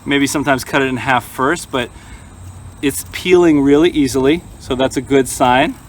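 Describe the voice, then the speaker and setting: A man's voice: medium pitch, normal speed, slight background noise. A man hosting a gardening vlog, talking casually and explaining each step as he demonstrates and tastes his harvest. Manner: chatty, plain-spoken, explains each step as he goes. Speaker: gardening channel host.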